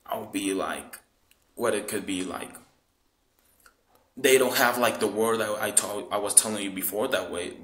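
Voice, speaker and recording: A Mexican man, a local tour guide whose first language is Spanish, answering interview questions in halting English full of "like". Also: fairly low pitch, bright, forceful tone, echoey room, poor audio. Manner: halting non-native English, frequent "like".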